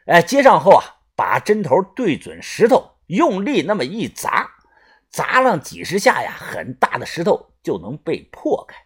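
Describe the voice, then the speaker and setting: A man narrating a first-person adventure story as an audiobook, in an animated storytelling manner. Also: a little high, breathy edge.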